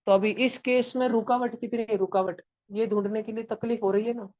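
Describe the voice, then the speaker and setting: A woman's voice: fairly high pitch, fairly quick, muffled recording. A woman teaching a science lesson, explaining through a playful story. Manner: animated storyteller, mixes English terms into explanation. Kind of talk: classroom lecture with playful storytelling.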